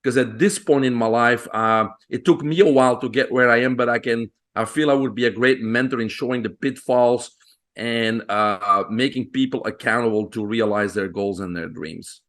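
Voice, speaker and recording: A man in his fifties from Belgium with a Belgian accent, a guest on an interview podcast, telling his life story in a relaxed way with frequent pauses. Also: medium pitch. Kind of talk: conversational interview.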